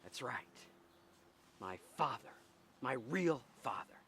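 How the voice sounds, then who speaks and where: Hot-headed film director, stutters then yells, bright edgy voice, pitch all over. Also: male voice, sing-song, slow pace, gravelly, a little hiss or hum, heavily acted. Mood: bitter. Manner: stammering, explosive shouting. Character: volatile male indie film director.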